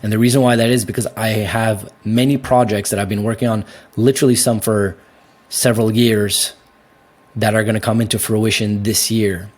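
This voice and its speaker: A young Canadian man answering interview questions in a casual, animated way, laughing easily and often restarting his sentences. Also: lowish voice, moderate pace. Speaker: guest.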